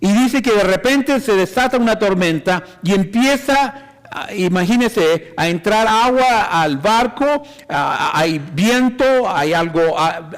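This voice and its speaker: Pastor, man, high voice, emphatic sermon delivery, church hall reverb. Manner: slow, emphatic preaching with rhetorical questions.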